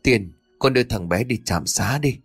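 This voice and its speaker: A man's voice: medium pitch, expressive, moderate pace, breathy edge, no room sound, faint music behind. A man voicing a frightened, superstitious old uncle who stammers urgently.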